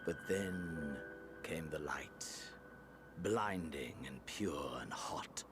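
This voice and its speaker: A man playing a bored, nihilistic villain lord in a video game, speaking with slow theatrical menace and brooding weight. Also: extremely low pitch, lively intonation, background noise, heavily acted. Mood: bored disdain. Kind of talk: dramatic video game voice acting.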